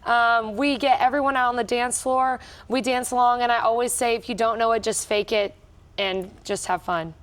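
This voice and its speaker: A woman's voice: on the high side, steady tone, moderate pace. Upbeat young woman cruise director. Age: young adult. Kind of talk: casual interview answers.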